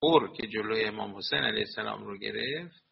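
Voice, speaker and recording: Gravelly-voiced man giving a sermon. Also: fairly low pitch. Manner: explains quoted Arabic sayings line by line in Persian. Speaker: religious lecturer. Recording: dull lo-fi recording.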